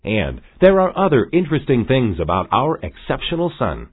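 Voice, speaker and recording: A man with a husky voice reading scripted documentary narration. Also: medium pitch, wildly swooping pitch, normal speed. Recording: narrow phone-like sound.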